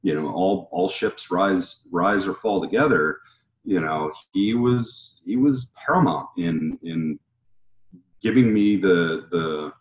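A man with a husky voice casually telling a story in conversation, acting out quoted lines with a lively raised voice. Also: low-pitched, takes it slowly. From California. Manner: animated, acts out quotes with raised voice. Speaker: hot sauce maker telling his story.

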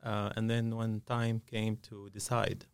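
A man's voice: on the low side, level tone, measured pace, creaky, smooth, dry recording. A man, a dentist talking as a guest in a podcast studio, hesitant and full of fillers. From Syria. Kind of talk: casual interview.

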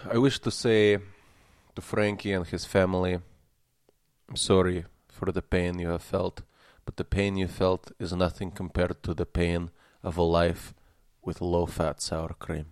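A man's voice: low-pitched, level tone, measured pace, darkish tone, smooth, no room sound, clean studio sound. A man playing a pompous, fanatical Russian sour cream promoter with a heavy Russian accent and a solemn, faintly menacing manner, as a guest in a comedy interview. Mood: defiant, menacing.

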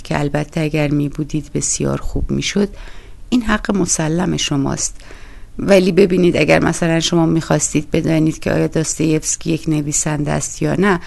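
A woman reading an audiobook, voicing a smooth-talking, mock-polite male trickster with theatrical, fawning courtesy. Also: deep voice, darkish tone, exaggerated voice. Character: smooth-talking, mock-polite man, a devil's sly sidekick.

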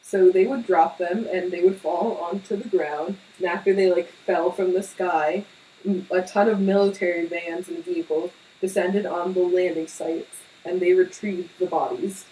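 A woman's voice: on the low side, fairly even intonation, moderate pace, warm tone. Chatty young woman with filler-heavy talk. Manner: chatty, lots of "like" and tangents, laughs often. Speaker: podcast co-host. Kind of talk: casual chat. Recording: slightly distant mic with faint hiss.

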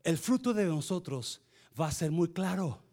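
A man preaching a sermon as pastor, swinging from quiet asides to shouted preaching and slipping in English words. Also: fairly high pitch, animated, measured pace. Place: church.

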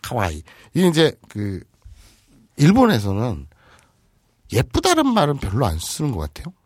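Husky man hosting a playful chat. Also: mid-range voice, wildly swooping pitch, moderate pace, no room sound, clean studio sound. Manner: teasing, playful, acts out quoted lines. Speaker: podcast host. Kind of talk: casual comedic chat. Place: studio.

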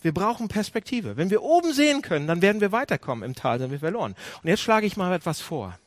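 A man delivers a sermon in an animated, questioning way, often stopping to correct a word and start again. His voice sits fairly high and swings widely in pitch. The sound is close and dry, with little room around it. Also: fast, no room sound. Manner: animated preaching, asks the audience questions; restarts and self-corrections. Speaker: pastor. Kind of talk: sermon to a congregation.

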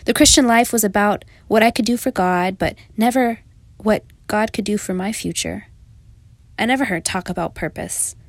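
A woman's voice: mid-range voice, moderate pace, no echo. A young adult woman reading her own first-person story in a reflective, confessional manner. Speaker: narrator. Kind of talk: first-person memoir narration.

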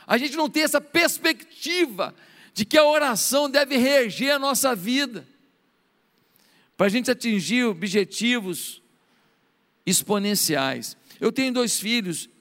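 A middle-aged man with a Brazilian Portuguese accent, preaching a sermon as a pastor, animated and acting out prayers in a hushed voice. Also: high-pitched, moderate pace. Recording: long hall reverb.

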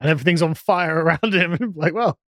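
A man's voice: fairly high pitch, normal speed, fairly bright tone, dry recording. A man co-hosting a live podcast, chatting casually, laughing often and mimicking voices. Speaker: podcast co-host. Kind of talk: casual banter on a live stream.

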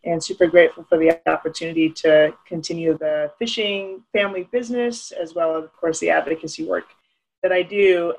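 A woman raised in Alaska, answering interview questions earnestly and often pausing with ums and restarts. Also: on the low side, poor audio.

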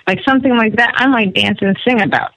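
A woman singer-songwriter, a guest on a radio interview, talking in an animated way with lively pitch swings. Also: fast talker, no echo, muffled recording.

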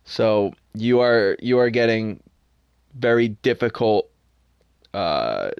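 A young man co-hosting a podcast in a casual sports chat, opinionated and animated. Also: lowish voice, clean tone, no echo, dull audio. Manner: opinionated, animated, quick asides. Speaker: podcast co-host.

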